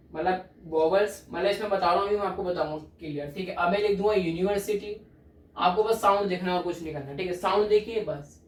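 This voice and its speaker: A male grammar teacher explains slowly and patiently while writing on a board, repeating his points and checking that the class follows. He is recorded from across an echoey room, so his voice sounds distant and roomy. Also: sits high.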